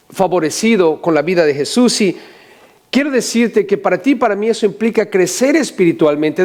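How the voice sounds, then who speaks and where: An older male pastor preaching a sermon, often asking the congregation questions and adding joking asides. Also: sits high.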